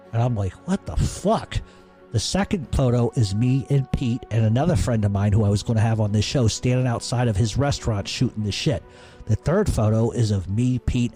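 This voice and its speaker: A man's voice: medium pitch, warm tone. A man telling a story in a blunt, profane, casual way, as a podcast host.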